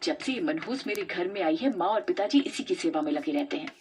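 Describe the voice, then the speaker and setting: A woman's voice: sits high, unhurried, pitched above the performer's own voice, low-quality recording. A jealous, scheming schoolgirl, played by a woman narrator, muttering spiteful remarks. Her voice sits a bit off the mic, with faint hiss in the background.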